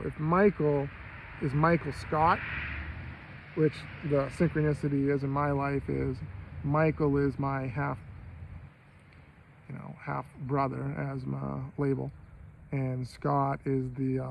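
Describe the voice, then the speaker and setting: An American man from Maine rambling casually to his livestream viewers, halting, digressive and given to swearing. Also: mid-range voice, flat delivery, vocal fry. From Maine, United States. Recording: dull lo-fi audio, faint vehicle-like noise.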